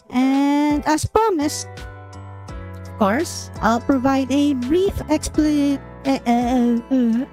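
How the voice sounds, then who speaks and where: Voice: high voice, darkish tone, pitched above the performer's own voice. A streamer using a voice changer to voice a cute young female penguin persona, chatty and giggly while introducing herself to chat. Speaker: VTuber streamer. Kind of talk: debut stream self-introduction.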